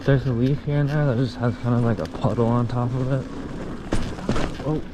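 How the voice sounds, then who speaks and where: A man out of breath and breathing heavily, giving casual, halting commentary while riding an electric bike outdoors. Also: medium pitch, steady tone. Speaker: e-bike rider filming a test ride. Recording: loud motor buzz and outdoor noise.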